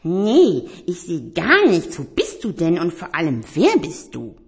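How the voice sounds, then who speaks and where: A woman voicing a small, timid toy tiger who asks anxious, squeaky questions. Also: wildly swooping pitch, unhurried, exaggerated voice. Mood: puzzled.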